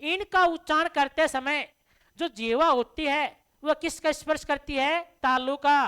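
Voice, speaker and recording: A woman's voice: sits high, a little slow, fairly bright tone. A woman teaching a classroom grammar lesson, asking the class questions and answering them herself to drill the terms. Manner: addresses listeners as dear children.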